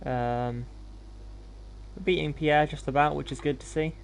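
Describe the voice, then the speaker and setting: A man's voice: fairly high pitch, steady tone, unhurried, gravelly, a little hiss or hum. A man hosting a gaming livestream, talking in an informal, laid-back, self-deprecating way as he commentates. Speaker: live streamer hosting gameplay.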